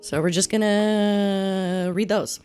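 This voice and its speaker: A woman co-hosting a podcast, chatting in a playful, giggly way with quick banter. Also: medium pitch, steady tone, mellow, faint music behind. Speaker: podcast co-host. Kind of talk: casual chat.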